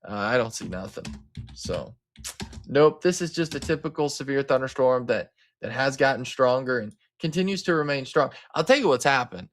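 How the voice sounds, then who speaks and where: A man from Arkansas hosts a live severe-weather stream. His delivery is casual and chatty, full of fillers and asides to his viewers. His voice sits at an ordinary middle pitch. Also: lively intonation, moderate pace, a little hiss or hum. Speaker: livestream weather host.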